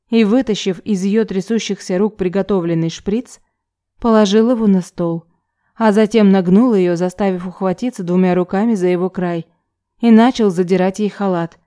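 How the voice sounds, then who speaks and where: A woman narrates a story aloud with a mellow, warm tone. Her reading is calm and steady, measured as a scripted audiobook. Her voice sits at an ordinary middle pitch. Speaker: audiobook reader.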